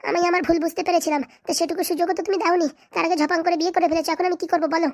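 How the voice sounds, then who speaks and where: A woman plays a jilted cartoon wife with a high voice who argues at a racing pace. She is insistent and complaining, never letting up. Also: level tone, rapid-fire. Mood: aggrieved. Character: jilted young wife, bold and demanding.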